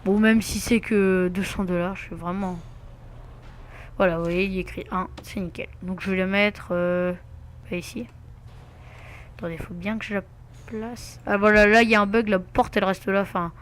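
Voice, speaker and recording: A man's voice: high-pitched, little pitch movement, moderate pace, fairly bright tone. A man giving casual gameplay commentary, muttering to himself with asides and mild swearing. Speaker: let's play gamer.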